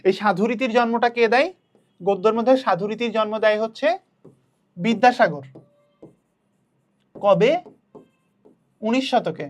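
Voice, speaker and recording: A woman's voice: a little high, unhurried, long pauses, highs cut off. A young adult woman with a Bangladeshi Bengali accent, teaching an online class and answering her own questions as she goes. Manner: asks questions then answers them herself.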